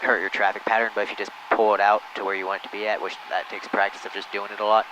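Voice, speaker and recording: Fast-talking male flight instructor in a noisy cockpit. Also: fairly low pitch, level tone, lo-fi sound. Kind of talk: casual coaching with pilot radio calls. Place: small aircraft cockpit. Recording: loud engine noise in small plane.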